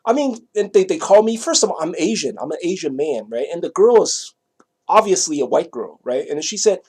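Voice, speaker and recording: A middle-aged Taiwanese man with a Taiwanese accent tells a personal story casually, rambling, halting and repeating himself while often checking that the listener is following. His voice sits high and is very animated, a little mellow, with a breathy edge.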